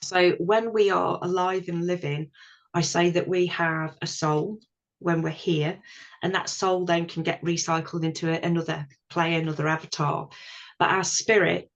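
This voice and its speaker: Woman from england, low voice, thoughtful, earnest, restarts sentences, muffled lo-fi recording. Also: steady tone, normal speed. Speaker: guest. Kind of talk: casual chat. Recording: dull lo-fi sound.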